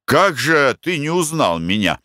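A man's voice: fairly high pitch, big pitch swings, measured pace, pushed and bright, no echo, studio quality, pitched above the performer's own voice, heavily acted. A man voicing a well-traveled merchant who talks in a wry, moralizing way in an audiobook. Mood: indignant.

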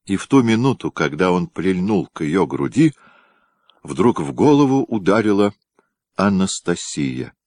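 A male audiobook narrator with a very deep voice reads a historical story at a slow, measured pace. The sound is dry and close to the mic. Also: big pitch swings, a little mellow, no echo.

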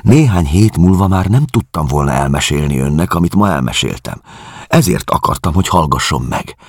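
A man's voice: rumbling low, expressive, breathy edge, dry recording, clean studio sound, full character voice. A man reading a grieving, haunted refugee. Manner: quiet, confessional, searching. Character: grieving middle-aged male refugee, haunted and desperate. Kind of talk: audiobook reading.

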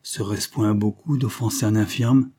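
A man's voice: on the low side, steady tone, normal speed, warm tone, breathy edge. A man reading the part of an older, kind peasant mother who talks in plain, earnest country speech.

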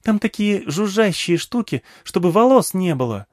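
An excitable little girl chirps high and bright, tossing out eager questions with a lively, bouncing lilt, as a male audiobook reader puts her on. The voice sits well above a grown man's normal pitch, recorded close and dry. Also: normal speed, no room sound. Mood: chirpy.

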